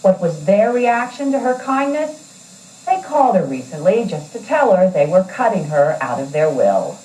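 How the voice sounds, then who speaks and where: A woman's voice: medium pitch, big pitch swings, normal speed, warm tone. A woman reporter narrating a scripted tabloid news story in a dramatic storytelling manner, recorded on old, echoey TV sound. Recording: echoey, distant old TV broadcast with music.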